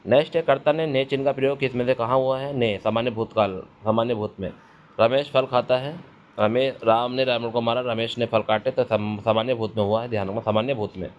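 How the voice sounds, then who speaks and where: A man with a mid-range voice and fairly even intonation speaks at a fairly quick pace. He teaches an exam-prep grammar lesson, posing questions and answering them himself while repeating key terms. The recording is dull and lo-fi, with faint noise.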